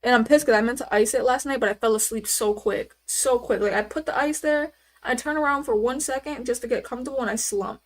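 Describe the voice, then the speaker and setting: A woman's voice: fairly high pitch, brisk. A woman in her twenties chatting casually on a live stream, rambling and answering viewers' questions with lots of fillers. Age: 20s. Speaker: livestreamer.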